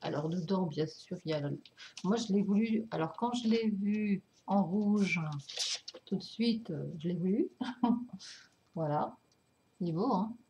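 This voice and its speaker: A woman showing her record collection in a casual vlog, hesitant with many fillers and apologies, excited and laughing often, drifting nearer and farther from the camera mic. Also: medium pitch, a little slow, pauses often, highs cut off, slight background noise.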